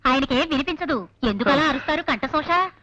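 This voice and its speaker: An actress playing a calm older housewife who soothes her husband and patiently explains things to a visitor. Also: high-pitched, a little fast, no room sound, dull audio. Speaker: householder's wife.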